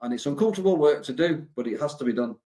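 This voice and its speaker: A man's voice: fairly high pitch, lively intonation, racing, warm tone. A man with an English accent giving a casual motivational talk as a business coach, blunt and sweary, rambling with many fillers and restarts.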